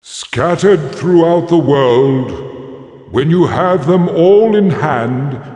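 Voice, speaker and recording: Solemn oracle in cavernous reverb. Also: male voice, a little high, expressive, very slow, mellow. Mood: portentous. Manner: stately, declamatory. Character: solemn, portentous male oracle speaking in riddles. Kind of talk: video game character acting.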